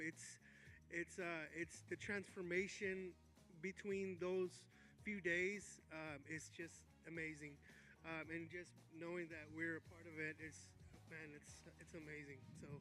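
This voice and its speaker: A man speaking haltingly and emotionally about camp while his mouth burns from hot sauce. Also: fairly high pitch, sharp tone. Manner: halting, emotional, laughing between words.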